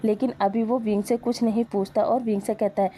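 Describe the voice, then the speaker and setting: A woman narrating a fan-fiction story in a plain, steady way. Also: medium pitch, brisk.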